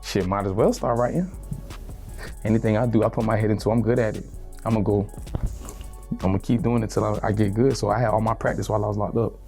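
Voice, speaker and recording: Laid-back young man, flat and low. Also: fast talker, vocal fry, pauses often, faint music behind. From Miami, Florida. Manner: laid-back street slang, lots of "you feel me". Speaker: rapper, interview guest. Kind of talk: casual interview.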